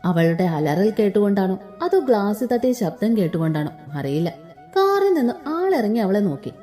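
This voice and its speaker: A woman narrating a story aloud in an expressive, dramatic reading style. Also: mid-range voice, moderate pace, faint music behind.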